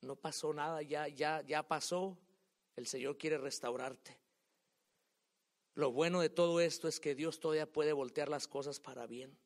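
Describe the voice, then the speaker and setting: Man preaching a sermon, swinging loud and soft. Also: fairly high pitch, fairly even intonation, measured pace. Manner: rises and drops in loudness, mixing English words in.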